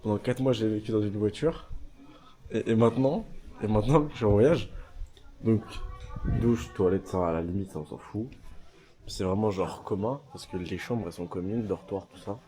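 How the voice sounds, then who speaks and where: A man's voice: on the low side, moderate pace, dark tone. A young man casually vlogging on a trip, chatting with enthusiastic slang. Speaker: travel vlogger. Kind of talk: casual vlog talk to camera. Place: homestay on a mountain travel loop.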